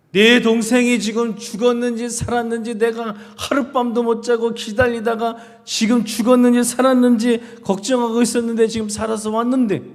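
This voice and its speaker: A pastor acting out a furious father who scolds his elder son in a loud, high, indignant voice. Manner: shouting, indignant, reproachful. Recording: long reverb of a church hall.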